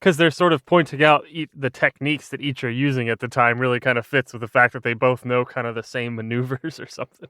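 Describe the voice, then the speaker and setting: A man's voice: mid-range voice, fairly even intonation, fast talker, hardly any pauses, bright, forceful tone, smooth, dry recording, studio quality. A man co-hosting a podcast, chatting enthusiastically about tabletop games and laughing often. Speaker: podcast co-host.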